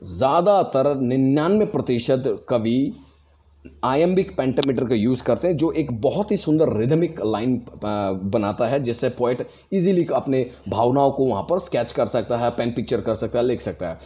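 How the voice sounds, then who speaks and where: A male teacher walks learners through poetic meter in a patient, explanatory way. His pitch swings in a lively way as he leans on stressed syllables to show them. The voice is warm and dark-toned. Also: moderate pace. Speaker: English teacher. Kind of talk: explanatory lesson.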